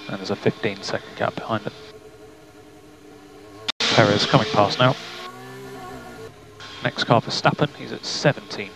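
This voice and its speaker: A male race engineer giving calm, terse team radio calls of gaps and instructions to his driver. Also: on the low side, unhurried, creaky, pauses often, background noise. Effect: team radio to the driver's car.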